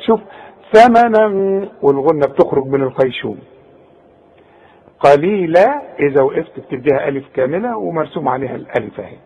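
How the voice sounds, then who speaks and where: A man's voice: a little high, darkish tone, slightly rough, low-quality recording. A man with an Egyptian Arabic accent teaching Quran recitation rules, speaking directly to the student and demonstrating each word. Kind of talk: tajweed lesson.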